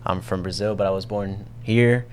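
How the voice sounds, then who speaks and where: A young man, a college student, talking casually as a podcast guest in relaxed run-on sentences. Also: sits low, normal speed, slight background noise. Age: young adult. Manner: relaxed, run-on talk with you know. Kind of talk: casual interview answers. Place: media studio.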